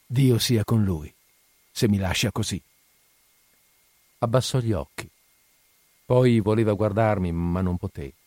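A man reading a classic story aloud with measured, somber narration. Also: fairly low pitch, mellow, dry recording. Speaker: reader.

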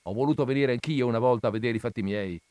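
A man's voice: medium pitch, rapid-fire, darkish tone, no echo, lightly acted. A man voicing a stubborn young villager who answers bluntly and defiantly.

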